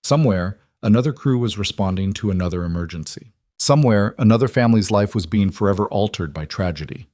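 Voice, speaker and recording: A man narrating a romance story in a measured, even way. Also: low voice, no room sound, studio quality. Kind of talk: scripted narration.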